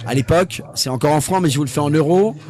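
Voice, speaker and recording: Animated man telling a story. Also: a little high, fast. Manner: animated, acts out other people's lines, repeats words. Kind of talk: lively storytelling anecdote. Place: live event stage.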